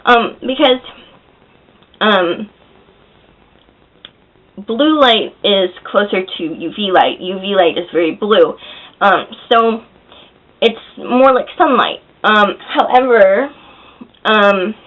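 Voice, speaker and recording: An American woman who is hoarse and unwell with a cold, chatting casually and candidly to her viewers, a little short of breath. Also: mid-range voice, lively intonation, slow pace, long pauses. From Oregon, United States. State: out of breath, shaky. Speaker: vlogger answering viewer questions. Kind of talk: casual chat to camera. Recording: thin, phone-like narrow sound.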